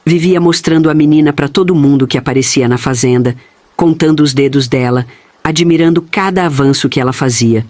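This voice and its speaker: A man reading a first-person family story in a steady, earnest storytelling manner. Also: fairly high pitch, fairly quick, dry recording. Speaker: narrator.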